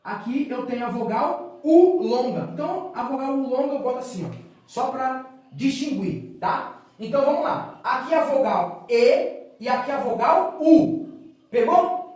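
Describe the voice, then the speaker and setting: A man's voice: extremely high pitch, darkish tone. A man with a Brazilian Portuguese accent teaching a recorded biblical Hebrew lesson. He is patient, repeats words and keeps checking that students follow. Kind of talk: recorded online lesson at a whiteboard. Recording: very echoey room, voice from far off the mic.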